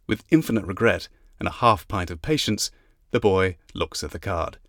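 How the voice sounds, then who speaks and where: A man narrating an audiobook in a measured, even reading. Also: low-pitched, no echo, clean studio sound. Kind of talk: scripted narration.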